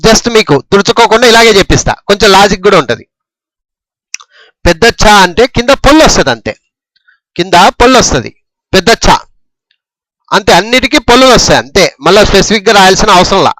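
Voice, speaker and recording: High-voiced man drilling syllables patiently. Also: sing-song, quick pace, pauses often, fairly bright tone, no room sound, low-quality recording. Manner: patient, repetitive drilling, frequent "okay?" checks. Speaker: teacher. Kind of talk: Telugu alphabet lesson, reciting syllables.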